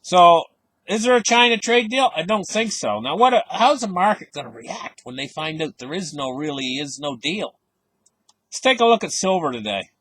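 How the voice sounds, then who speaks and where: A man's voice: fairly high pitch, sing-song, moderate pace, fairly bright tone, slightly rough. A man giving casual market commentary, reading out headlines and stressing words with a skeptical, offhand manner. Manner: casual grammar, frequent fillers.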